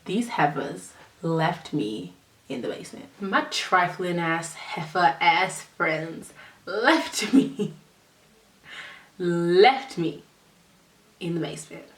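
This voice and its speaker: A woman of about twenty from Canada, telling a story in a casual, slangy, animated way and acting out the dialogue. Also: fairly low pitch, slow, pauses often. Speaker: vlogger. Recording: roomy, from a distance.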